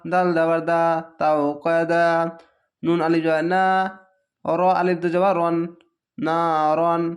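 A man teaching Quran reading in a Bangladeshi Bengali accent, spelling each syllable slowly and patiently in a drawn-out recitation. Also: a little high. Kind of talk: slow letter-by-letter spelling lesson.

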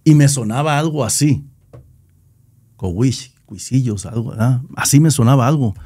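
A middle-aged man with a Nayarit Mexican Spanish accent recalls how he founded his band, talking in a loose, slangy way. He repeats and restarts words as he goes. His voice is mellow and warm, and the recording is dry and close. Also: medium pitch, moderate pace, slightly rough, no room sound. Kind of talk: casual storytelling interview.

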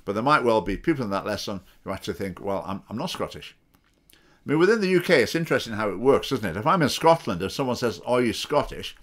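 An English man in his fifties, a political party spokesman, speaks quickly in a lowish, sing-song voice. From his home study, framed like a webcam video call, he delivers opinionated, sarcastic commentary to camera, mocking the voices he quotes.

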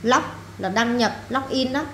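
A woman teacher drills English vocabulary with her class. Her voice sits a little high, and she repeats each word before explaining it plainly. The recording rings with room echo over a faint background hiss. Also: a little slow, fairly bright tone.

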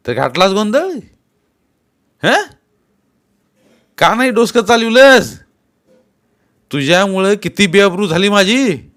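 A man's voice: sits high, pitched above the performer's own voice, exaggerated voice. A man voicing a furious, self-pitying village headman who scolds his old mother in a storybook reading. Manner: shouting, scolding, rapid-fire questions.

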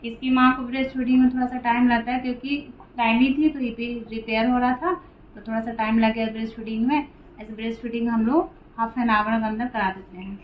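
A woman with a fairly high voice walks through a hands-on medical demonstration, explaining each step plainly and patiently. The audio is slightly dull and lo-fi, with a faint hiss behind her. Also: steady tone, brisk, reverberant.

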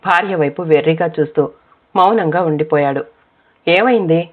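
A woman narrating a story as the channel's storyteller, in a calm, even reading voice. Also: low voice, normal speed. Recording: tinny phone-like sound.

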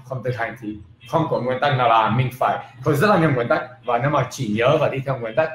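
A man teaching English pronunciation in a casual video lesson, repeating example words slowly and with emphasis. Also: mid-range voice, fairly bright tone. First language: not Vietnamese. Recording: roomy with faint background noise.

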